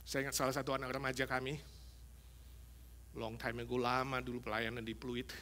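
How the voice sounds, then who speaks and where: A man, a pastor, preaching a sermon with dramatic swings from loud cries to hushed whispers. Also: medium pitch, little pitch movement, a little fast, slight background noise. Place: church in Los Angeles.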